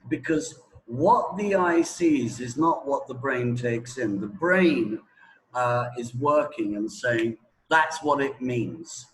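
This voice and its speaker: Being interviewed about his work as a language teacher, a man explains points conversationally and keeps asking "right?", "okay?" or "yeah?" to check understanding. His mid-range voice has a fairly bright tone, and the rough recording carries a little hiss or hum.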